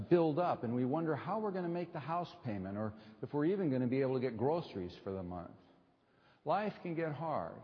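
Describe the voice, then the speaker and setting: A middle-aged American man preaching a sermon at a pulpit microphone, in a measured delivery with deliberate pauses and rhetorical repetition. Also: on the high side. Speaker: pastor preaching to a congregation. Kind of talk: sermon with personal storytelling. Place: large echoing church hall. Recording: dull sound in a reverberant hall.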